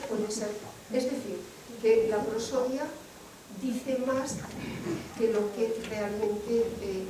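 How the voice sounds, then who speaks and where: A woman from Aragón, explaining language ideas in a didactic, expressive way during a seminar. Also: mid-range voice, distant mic, noisy background. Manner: didactic, expressive, with frequent filler sounds. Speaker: seminar speaker. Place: seminar room. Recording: echoey hall, voice picked up from afar.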